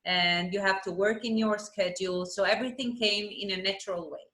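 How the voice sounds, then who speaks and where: Here the Albanian woman in her twenties, a math teacher being interviewed, chats in a second language with an Albanian accent, echoing short phrases for emphasis. Her mid-range voice holds a steady tone, fairly quick and a bit bright, recorded with roomy echo.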